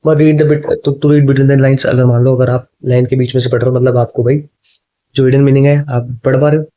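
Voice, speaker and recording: A man's voice: medium pitch, level tone, warm tone. A man teaching exam questions, speaking Hindi, chatty and often checking in with his students. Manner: chatty, repeats "ठीक है", reads options slowly. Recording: dull lo-fi sound.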